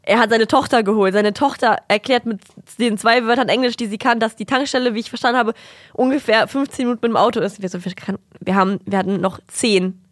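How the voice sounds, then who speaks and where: Young female co-host, animated storyteller, slightly high voice, dry mic. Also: fast talker, dry recording. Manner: animated anecdote-telling with quoted voices and English words mixed in. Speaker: podcast co-host. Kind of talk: casual chat, storytelling.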